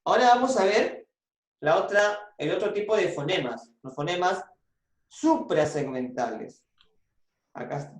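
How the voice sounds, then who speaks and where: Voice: mid-range voice, lively intonation, normal speed, reverberant. A teacher giving an online class, patiently repeating points and prompting the students to answer.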